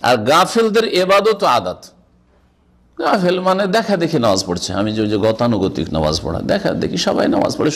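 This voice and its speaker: A man's voice: medium pitch, slightly rough. A man giving a religious lecture on a hadith, explaining in a teaching tone, quoting Arabic and putting rhetorical questions to his listeners. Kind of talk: hadith lesson sermon.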